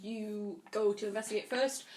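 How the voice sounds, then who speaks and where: A woman's voice: mid-range voice, steady tone, a little mellow, echoey room. A woman acting as dungeon master, narrating a tabletop game in a casual, giggly, sometimes exasperated way. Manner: giggly, exasperated, quick to laugh. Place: room with friends around a table.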